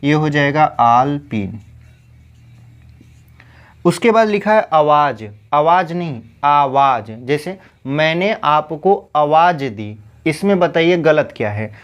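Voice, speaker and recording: A man's voice: a little high, animated, measured pace, few pauses, muffled recording. A young man teaching a Hindi spelling lesson for exam preparation, explaining step by step and asking his students rhetorical questions. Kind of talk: exam-prep grammar lesson.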